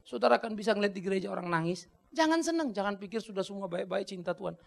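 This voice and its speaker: A man preaching a sermon as pastor, dramatic and blunt, dropping to a hush and then rising to a shout. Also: sits high, quick pace, creaky. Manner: dramatic, swings from hushed to shouting; colloquial, blunt asides.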